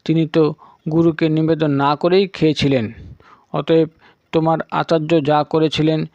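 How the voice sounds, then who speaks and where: A man voicing twin divine physicians, kindly and generous, in a measured, solemn way. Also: a little high, level tone, a little mellow, dry recording, natural voice. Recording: dull lo-fi recording.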